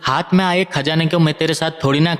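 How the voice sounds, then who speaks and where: A man's voice: fairly high pitch, fairly even intonation, a little fast, a bit bright, natural voice. A man voicing a greedy young man who talks in a scornful, cocky way, with a long hall reverb on the recording.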